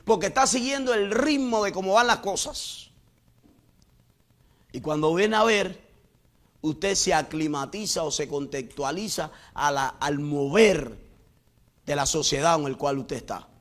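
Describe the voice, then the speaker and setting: Male pastor, middle-aged, high-pitched; dramatic sermon delivery with a testimony, loud peaks and quiet drops. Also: expressive, unhurried. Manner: dramatic preaching, swinging between loud exclamations and hushed lows; storytelling with personal testimony. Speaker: pastor and missionary.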